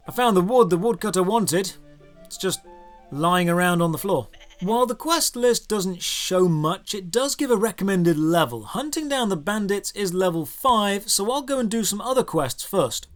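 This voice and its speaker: Narrating a scripted review of a video game, this male host sounds high-pitched. His delivery is deliberate, dry and sardonic.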